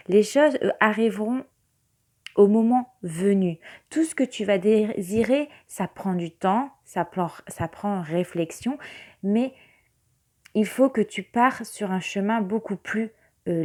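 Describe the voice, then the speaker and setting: A woman speaking gently and soothingly, without hurry, as a tarot reader and meditation guide. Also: medium pitch, a little slow. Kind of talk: soft-spoken spiritual card reading and guided meditation.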